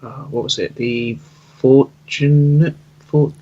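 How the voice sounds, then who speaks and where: Brief: male co-host, slow unhurried delivery, muffled lo-fi microphone. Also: medium pitch, steady tone. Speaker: podcast co-host. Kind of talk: casual chat. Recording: dull lo-fi mic.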